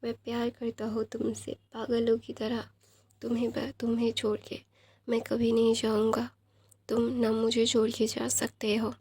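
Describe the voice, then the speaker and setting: A woman voicing a possessive, lovestruck young man, speaking softly and half-whispered. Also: a little high, completely flat delivery, measured pace, husky, no room sound.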